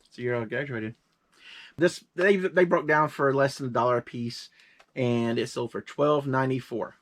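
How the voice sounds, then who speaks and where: Casting note: man, fifties, co-host of a reselling show, quick and rambling, jokes a lot, casual delivery. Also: medium pitch. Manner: rambling, joking, quick-talking. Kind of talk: casual chat.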